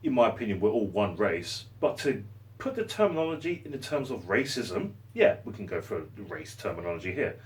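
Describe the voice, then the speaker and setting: A man's voice: lowish voice, sing-song, fairly quick, distant mic. Passionate man ranting. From London. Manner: passionate, rambling, sarcastic. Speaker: vlogger. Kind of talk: opinion rant to camera. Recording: voice set back from the mic.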